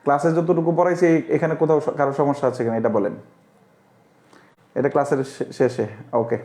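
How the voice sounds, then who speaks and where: A man leads a live online grammar class and keeps checking that his viewers understand, reading out their comments as they come in. His voice sits a little high for a man. The room around him has a clear echo. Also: steady tone, fairly quick, darkish tone. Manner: explains step by step, often asks the class if they understood; reads out viewers' comments and answers them. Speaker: online English teacher.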